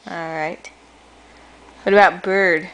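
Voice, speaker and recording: A woman's voice: lowish voice, steady tone, slow pace, fairly bright tone, rough recording. A young mother at home patiently coaching her toddler, repeating simple prompts and praise. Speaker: mother teaching her toddler baby sign language.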